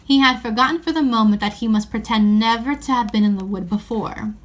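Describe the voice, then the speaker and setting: A woman reading a children's novel aloud in an expressive storybook style. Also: a little high, brisk.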